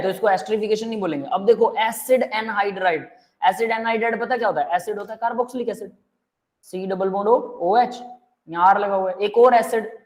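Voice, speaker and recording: Male teacher, relaxed and friendly; step-by-step explainer who checks in with students constantly. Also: high-pitched. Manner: explains step by step, keeps checking the class understands; relaxed and friendly, calls students "beta" and "bhai". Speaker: chemistry teacher. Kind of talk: live online chemistry lecture.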